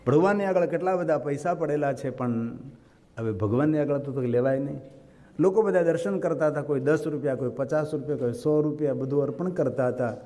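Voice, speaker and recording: A kathakar, a religious storyteller with a Gujarati accent, tells a devotional story and voices the characters as he goes. His voice is fairly high, mellow, and fairly quick, with a long reverb tail.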